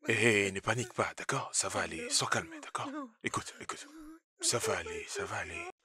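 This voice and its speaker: A man's voice: on the low side, huge pitch swings, moderate pace, bright, forceful tone, breathy edge, dry recording, exaggerated voice. An actor dubbing an anxious son who hurriedly reassures his sister. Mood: reassuring. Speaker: brother. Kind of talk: French dub of a film.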